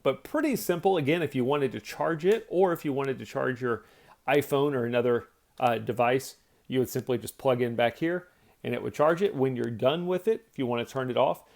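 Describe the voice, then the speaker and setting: A product reviewer walks through a demonstration in a mid-pitched voice that often drops into creak. He talks fairly quickly and a little mellow, keeping things plainspoken and casual as he explains each feature in simple steps.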